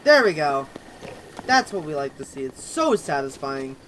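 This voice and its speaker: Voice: medium pitch, big pitch swings, moderate pace, a bit bright, a little hiss or hum, rough recording. A let's play host giving casual, rambling commentary over gameplay, with constant fillers like "actually" and "kind of".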